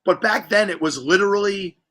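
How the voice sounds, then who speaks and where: Chatty man with a bright, forceful voice. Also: high-pitched, fairly quick. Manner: chatty, rambling, jokey. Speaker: podcast host. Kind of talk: casual livestream chat.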